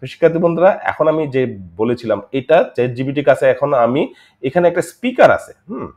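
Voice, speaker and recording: A man's voice: mid-range voice, very animated, brisk, darkish tone, dull audio. Chatty male teacher. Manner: chatty, repetitive, frequent "right?" check-ins. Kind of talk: classroom video lesson.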